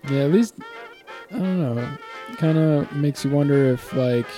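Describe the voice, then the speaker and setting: A man's voice: fairly high pitch, moderate pace, dark tone, soft background music. A man co-hosting a casual chat, speaking hesitantly with many fillers and laughing often. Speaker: podcast co-host. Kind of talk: casual chat reading from web articles.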